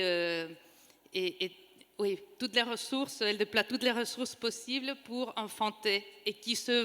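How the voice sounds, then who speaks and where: A woman speaks spontaneously as a guest at a literary discussion. Her voice is bright and crisp, and she works through her thoughts in stops and starts. A long hall reverb surrounds her. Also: mid-range voice. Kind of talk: spontaneous discussion of a novel before an audience.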